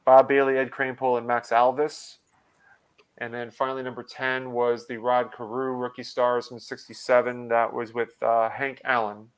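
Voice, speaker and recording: A man's voice: mid-range voice, little pitch movement, normal speed, clear, resonant tone. A man hosting a live online trivia quiz over a video call, talking with hesitant fillers and restarts. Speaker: trivia host.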